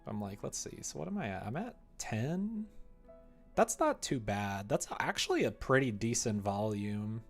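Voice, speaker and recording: Sitting at his computer indoors, a young livestreamer works on a visual novel and mutters his thoughts aloud in a casual, meandering way. His mid-range voice is very animated at a normal speed, with faint music in the background.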